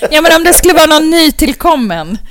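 A woman co-hosting a podcast in casual chat, relaxed and supportive, often answering with short murmurs. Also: high-pitched, very noisy. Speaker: podcast co-host.

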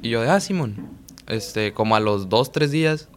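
A man's voice: lowish voice, moderate pace, slight background noise. A young man with a Mexican accent tells a long story in loose, slangy Spanish. He swears often and quotes himself and others as he goes. It sounds like friends chatting on a podcast. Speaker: podcast co-host. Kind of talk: casual storytelling chat.

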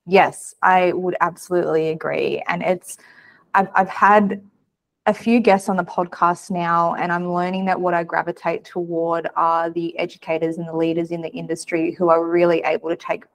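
A woman hosting a podcast in a chatty, enthusiastic way. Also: lowish voice. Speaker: podcast host. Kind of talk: casual interview.

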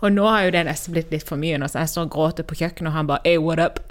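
A woman from Norway co-hosting a podcast, telling personal stories in a candid, animated way. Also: low voice. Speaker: podcast co-host. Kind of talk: casual podcast conversation.

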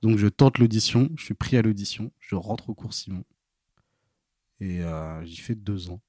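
Speaking fairly low at a normal speed, this man in his twenties sounds a little mellow as he tells stories on a podcast. He hesitates a lot, uses fillers and restarts, and the recording is clean studio sound without room sound.

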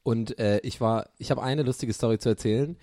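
A man's voice: mid-range voice, fairly quick, dark tone, no echo. A man co-hosting a podcast in casual chat, rambling and laughing, often acting out what people said. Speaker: podcast co-host.

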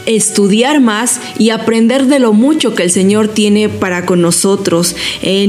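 A woman's voice: mid-range voice, darkish tone. Mexican woman opening a devotional radio programme. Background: faint music.

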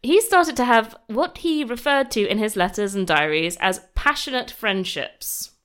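A woman's voice: on the high side, expressive, moderate pace, a bit bright. A woman, co-hosting a podcast and casually retelling a historical life story while laughing easily. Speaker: podcast co-host.

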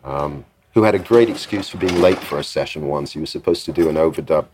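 A man with a very low voice recalls life in recording studios as an interview guest. He tells his stories with energy, slips into the voices of the people he quotes and laughs along the way. The tone stays relaxed and conversational. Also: fast, noisy background. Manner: lively storyteller who acts out quotes and laughs often. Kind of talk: anecdotal interview chat.

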